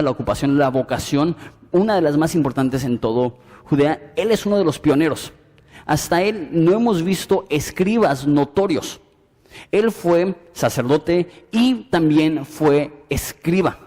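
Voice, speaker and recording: Animated preacher in a reverberant hall. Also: male voice, on the high side. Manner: animated, acts out dialogue and reads scripture aloud. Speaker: pastor. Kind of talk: sermon Bible study.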